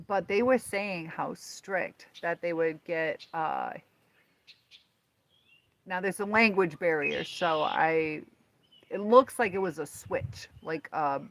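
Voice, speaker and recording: Rambling woman in her fifties, noisy. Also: deep voice. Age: 50s. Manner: rambling, halting, lots of fillers. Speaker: livestream host and teacher. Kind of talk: casual live-stream chat answering viewers. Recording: noticeable background noise.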